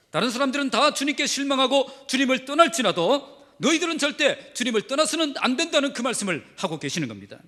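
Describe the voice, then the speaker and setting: A man's voice: very high voice, bright, forceful tone. A male pastor delivering a sermon with emphatic preaching and rhetorical questions to his congregation. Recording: reverberant hall sound.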